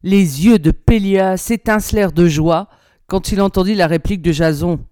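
A woman reading an old storybook aloud in a measured, expressive way. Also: fairly low pitch, smooth, no echo, studio quality. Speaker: narrator, reader.

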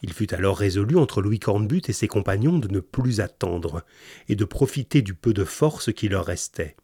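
A man with a husky voice reading a chapter of a novel aloud in a calm, measured way. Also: on the low side, no room sound, studio quality. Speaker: audiobook narrator. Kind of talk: measured storybook narration.

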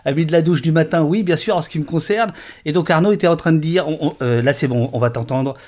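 A man hosting a casual live stream, stammering and repeating his words in quick bursts. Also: a little high, darkish tone. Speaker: livestream host.

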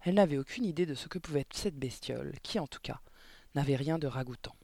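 Man, audiobook narrator, expressive storytelling, slightly high voice, dry close recording. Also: fast talker, vocal fry, no room sound. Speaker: audiobook reader. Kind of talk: scripted narration.

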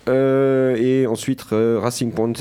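A man's voice: mid-range voice, level tone, takes it slowly, warm tone, clear, resonant tone. A man presenting a sports segment in a casual group chat, hesitant and often correcting himself. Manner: hesitant, many fillers and restarts, self-correcting.

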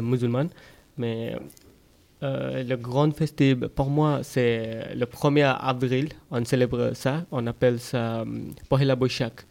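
A teenage boy from Bangladesh, answering interview questions in a learner's halting way with many fillers and restarts. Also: mid-range voice, darkish tone. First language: Bengali. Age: teens. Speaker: interview guest. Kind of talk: school interview.

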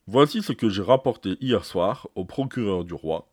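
A man reading aloud as a proud, precise senior doctor, recounting events in a measured, explanatory way. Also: fairly low pitch, expressive, darkish tone, husky, no room sound, studio quality. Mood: grave recounting. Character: eminent older male doctor, proud, precise.

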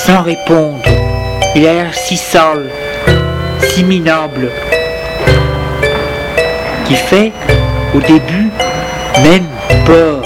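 Male narrator, slow halting delivery, fairly high voice, echoey room, music underneath. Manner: measured, halting phrasing. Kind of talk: slow dramatic storytelling.

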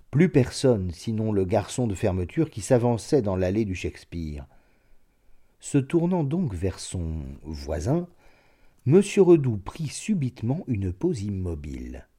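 Guy reading a classic story out loud, really slow and deliberate, warm mellow tone. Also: lowish voice, slightly rough. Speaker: narrator. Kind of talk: scripted literary narration.

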